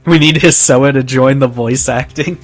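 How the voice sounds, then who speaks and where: A man's voice: medium pitch, normal speed, faint music behind. A man giving casual, joking commentary while playing through a game, laughing often. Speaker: game streamer. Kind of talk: casual let's play commentary.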